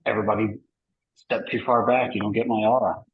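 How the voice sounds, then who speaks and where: Male game player, casual chat, raspy low voice, slightly muffled audio. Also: little pitch movement, brisk.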